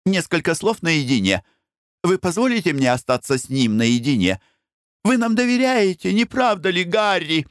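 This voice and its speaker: A man's voice: sits high, very animated, moderate pace, no room sound, clean studio sound, pitched above the performer's own voice. A man putting on a spoiled, coquettish young lady. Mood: coaxing.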